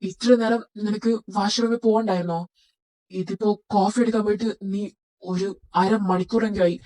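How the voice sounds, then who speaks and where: A woman's voice: mid-range voice, fairly even intonation, moderate pace, warm tone, close to an everyday voice, rough recording. A woman voicing a rude, short-tempered young male boss who scolds his assistant. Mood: domineering. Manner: scolding, domineering. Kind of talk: Malayalam fan audio drama.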